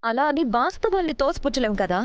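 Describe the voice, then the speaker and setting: A woman's voice: sits high, big pitch swings, quick pace. An actress playing a stern, practical woman of a wealthy family, speaking firmly in a TV serial. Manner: firm, reasoning, dismissive. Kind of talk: TV serial acting.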